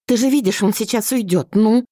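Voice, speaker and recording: A woman voicing a distraught middle-aged mother who pleads and reproaches in a shrill, wailing voice. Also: a little fast, dark tone, no room sound, clean studio sound, close to an everyday voice. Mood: sobbing pleas.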